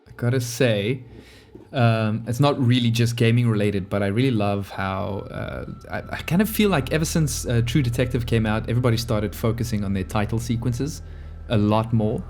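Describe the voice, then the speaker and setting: A man's voice: mid-range voice, normal speed, a little mellow, slight background noise. A man hosting a gaming video, giving casual, laid-back, musing commentary as he plays.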